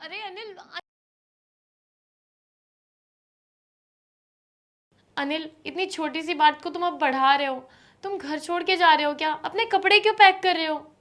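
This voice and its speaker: An actress playing a quick-tempered young woman arguing with her live-in partner, sharp and scolding. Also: very high-pitched. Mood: pleading. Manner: sharp, scolding, turns to pleading. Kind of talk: scripted short-film acting.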